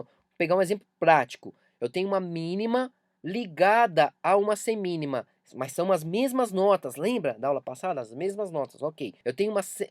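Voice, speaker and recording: A woman's voice: medium pitch, a little mellow, no room sound, clean studio sound. A woman with a Brazilian accent teaching music theory in a video lesson, patiently repeating key points as she explains.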